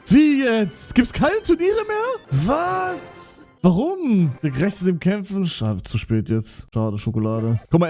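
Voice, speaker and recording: Young man, German accent, live gaming streamer, excitable and slangy, high voice, swoops all over, faint game music behind. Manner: excitable, swearing, slangy, talks to chat.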